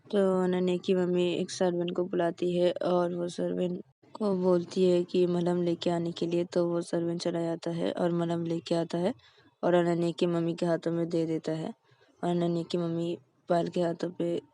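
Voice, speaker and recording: A young woman telling a story in a plain, steady way. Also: lowish voice, moderate pace.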